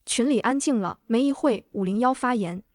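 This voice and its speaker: Woman voicing a young heroine, cold and calm, slightly high, vengeful first-person narrator. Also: normal speed, no room sound, clean studio sound, lightly acted. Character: cool-headed reborn young woman, vengeful. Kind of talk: dramatic audio narration.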